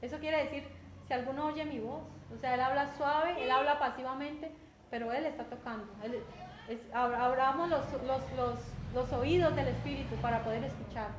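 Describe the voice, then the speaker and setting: Una mujer con acento colombiano que predica un sermón en tono conversacional, repitiendo palabras y preguntando a menudo «¿cierto?». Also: female voice, high-pitched, fairly even intonation, normal speed. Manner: conversational, repeats words, often asks "¿cierto?". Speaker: preacher. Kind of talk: sermon. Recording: echoey room with faint background noise.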